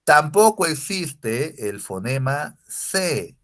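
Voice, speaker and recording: Lively male language teacher. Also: fairly high pitch, slow. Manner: explanatory, animated, asks rhetorical questions. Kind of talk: recorded lecture.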